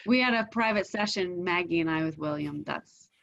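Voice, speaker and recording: A woman in her forties, a qigong student, telling a personal story candidly and haltingly in a group class, with soft laughs. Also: fairly low pitch, gravelly, highs cut off.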